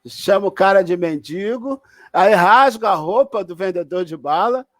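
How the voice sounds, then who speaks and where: A man's voice: sits high, animated, normal speed, fairly bright tone, no echo, studio quality. A man with a Brazilian Portuguese accent giving an online spiritist lecture in a conversational, explanatory way, with restarts and tag questions.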